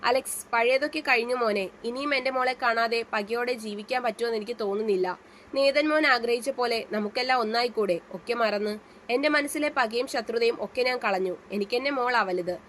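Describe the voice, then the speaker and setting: A woman's voice: a little high, brisk, a bit bright, a little hiss or hum, close to an everyday voice. A woman voicing an older man, a guilt-ridden father pleading for forgiveness in a read-aloud story. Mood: remorseful.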